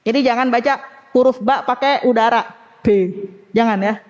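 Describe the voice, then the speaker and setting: A woman's voice: on the high side, steady tone, lo-fi sound. Woman teaching recitation in an echoing hall. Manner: demonstrates recitation slowly, calls on class to repeat. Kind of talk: women's study group lesson.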